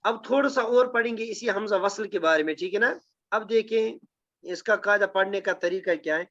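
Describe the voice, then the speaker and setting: A man's voice: sits high, fairly bright tone. A man teaching a class, explaining step by step and checking in with his students over and over. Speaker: Quranic Arabic grammar teacher. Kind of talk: classroom lesson with recitation. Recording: dull lo-fi recording.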